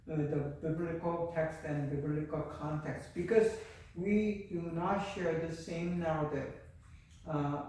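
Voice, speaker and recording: An older man from Korea with a Korean accent, giving a university lecture in halting speech full of fillers and restarts. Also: sits high, darkish tone. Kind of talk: classroom lecture. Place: university classroom. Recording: roomy, distant echo with faint ambience.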